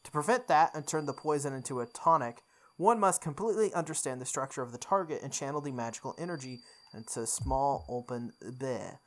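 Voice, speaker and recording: Game music underscores a video game playthrough host giving a dramatic reading of visual novel narration. The mid-range voice moves fairly quickly.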